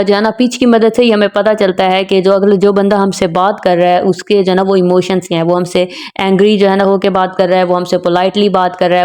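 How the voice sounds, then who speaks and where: Woman teaching a lesson, smooth clear voice, says examples slowly, keeps using the same filler. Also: mid-range voice, a little mellow. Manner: slow, careful modelling of example sentences; repeats the filler "jo hai na" constantly. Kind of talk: explaining a lecture, mixing English terms.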